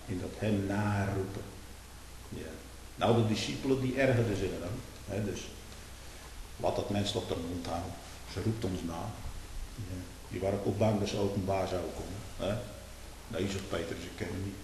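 A man preaching a fervent sermon, dropping to hushed tones and rising to shouts. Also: on the low side. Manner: swings from hushed to shouting, drawn-out emphasis. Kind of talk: fiery sermon. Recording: echoey hall with faint hiss.

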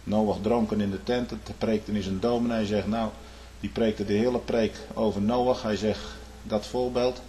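A man's voice: level tone, moderate pace, slight background noise. Male preacher echoing through a church hall. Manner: swings between loud high outbursts and low quiet asides; tags lines with a questioning "hm?". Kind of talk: sermon. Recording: long reverb of a large hall.

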